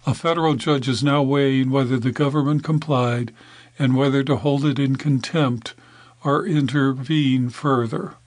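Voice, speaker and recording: Man, news narrator, measured even reading, dry close sound, mid pitch. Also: dry recording.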